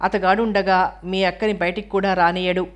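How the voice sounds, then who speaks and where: A woman's voice: lowish voice, level tone, a little fast, close to an everyday voice. A woman voicing a good-humoured grown man in an audiobook reading of a novel. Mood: joking.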